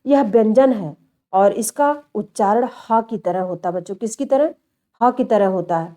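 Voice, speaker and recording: A woman's voice: on the high side, warm tone. A female teacher giving a step-by-step lecture, repeating key terms and addressing her students as children. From India. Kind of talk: classroom lecture.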